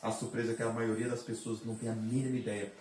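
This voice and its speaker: A man's voice: on the low side, flat delivery, fast talker, darkish tone. A man, a pastor, giving an emotional testimony of faith, dramatic and re-enacting his own cries and heartbeat. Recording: roomy sound from a distant mic.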